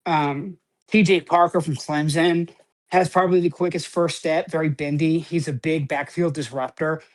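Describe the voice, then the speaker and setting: A man's voice: a little high, fairly even intonation, moderate pace. A man co-hosting a podcast, talking sports in a rambling, casual way, full of "um" and "like" and casual swearing. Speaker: podcast co-host.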